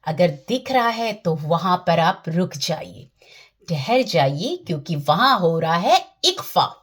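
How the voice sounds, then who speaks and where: A woman's voice: lowish voice, very animated, slow pace, slightly rough. A woman teaching Quran recitation in a patient lesson, often checking that her listeners follow and demonstrating the sounds herself.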